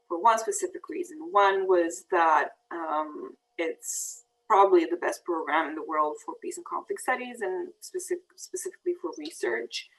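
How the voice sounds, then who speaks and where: A woman in her thirties from Bosnia and Herzegovina gives a prepared talk over slides as a peace fellow. Her voice is lowish and the recording is low quality, and she uses many ums and restarts.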